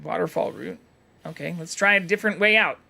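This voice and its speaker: A man's voice: high-pitched, fairly quick, vocal fry, pushed and bright. A man casually commenting on a game during a live stream, musing aloud and swearing freely.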